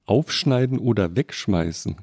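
A male podcast host fires off quick either-or questions in a brisk, playful way. His voice is fairly low and mellow. The close, dry sound has no room to it. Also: animated, no echo. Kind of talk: quizzing a guest in a quick question game.

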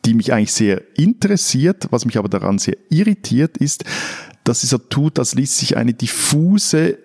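A man who co-hosts a talk podcast and keeps pulling the debate back on track. He sounds dry-humoured, with a gravelly edge to a voice sitting in the middle range. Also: mid-range voice, very animated, normal speed, mellow. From Switzerland. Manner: wry, steers the discussion. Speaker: podcast co-host. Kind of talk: casual debate.

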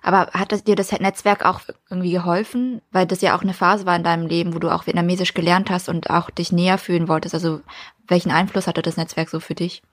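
A woman's voice: on the low side, flat delivery, quick pace. A woman co-hosting a podcast who asks questions in a colloquial, emphatic way. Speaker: podcast co-host. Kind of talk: casual conversation.

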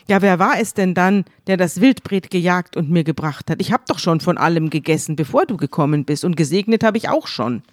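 An old blind father speaks in grave, measured words, as a woman retells him. The voice sits low, and the sound is close and dry. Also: animated, dry recording, natural voice. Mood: solemn.

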